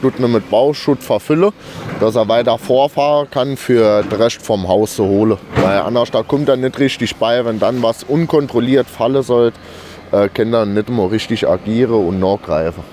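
A man from Saarland with a Saarland German accent, a demolition worker calmly explaining the job on site. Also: mid-range voice, moderate pace. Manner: matter-of-fact, explanatory. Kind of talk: explaining the work. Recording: outdoor noise with traffic.

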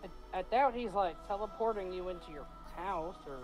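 A woman's voice: on the low side, moderate pace, darkish tone, faint music behind. A woman playing in a tabletop game, chatty and persuasive, often trailing off mid-thought. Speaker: player. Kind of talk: casual tabletop game chat.

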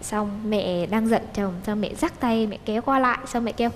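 A young adult woman, appearing as a daughter-in-law guest on a TV talk show, tells casual stories, chaining events together with "xong" and imitating the people she quotes. Her voice is a little high at a moderate pace. The sound has a long reverb tail and a little hiss or hum.

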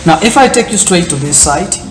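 Visible in a corner webcam from an indoor room, a man hosts a screen-recorded tech tutorial, going through steps in loose, repetitive wording with many fillers. His voice is high with lively intonation and a little fast, and the audio is reverberant.

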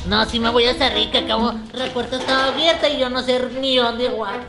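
Little boy elephant, played by a man, high voice, silly childish grumbler, Mexican accent, loud music bed. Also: steady tone, fairly quick. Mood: eager. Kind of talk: children's costumed-character skit.

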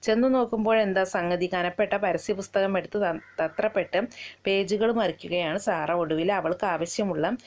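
A woman teacher who reads passages from a short story aloud, then slowly and patiently explains each one in plain words. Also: mid-range voice. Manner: slow and patient, pausing often to paraphrase each passage. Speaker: literature teacher.

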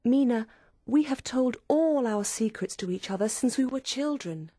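A woman's voice: fairly high pitch, animated, moderate pace, mellow, no room sound, clean studio sound. A woman voicing a young woman who reads out confiding, gushing letters to her friend.

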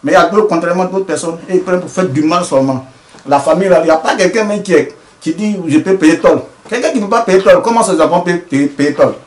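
A man's voice: sits high, fast, roomy sound. A man, a traditional healer answering interview questions earnestly, often restarting his sentences. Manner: explains earnestly with many restarts.

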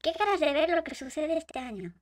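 A woman's voice: high voice, expressive, brisk. A young woman, joking playfully while chatting through quiz questions. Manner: playful, jokey, laughing. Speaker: vlogger. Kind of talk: casual quiz chat.

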